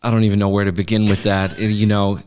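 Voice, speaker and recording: A man's voice: lowish voice, flat delivery, fast talker, a little mellow, clear, resonant tone. A man working as a creative director, speaking confidently and enthusiastically as a podcast panel guest. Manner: confident, enthusiastic, self-assured. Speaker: creative director, head of marketing. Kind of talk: conversational podcast answer.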